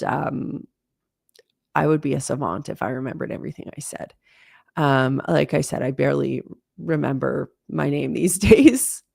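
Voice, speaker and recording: Chatty gravelly-voiced woman in her forties. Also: low voice, dry recording, studio quality. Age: 40s. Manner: chatty, candid, lots of fillers. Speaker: host. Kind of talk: live-stream Q&A chat.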